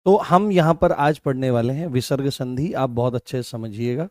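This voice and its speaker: A man's voice: medium pitch, normal speed, darkish tone, no room sound. A man teaching a live online class, repeating key points and asking his students questions.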